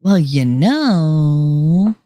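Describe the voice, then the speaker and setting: A young woman livestreaming talks extremely slowly in a low, dark, expressive voice, recorded dry. Close to her desk microphone, she chats and rambles through the live comments, laughing often, with a slight nasal quality from a cold.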